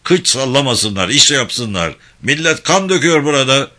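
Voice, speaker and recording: A man's voice: medium pitch, big pitch swings, moderate pace, sharp tone, voice pushed up. A man voicing a hot-tempered army captain who barks orders and curses at his men. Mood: commanding. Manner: barking, cursing, commanding.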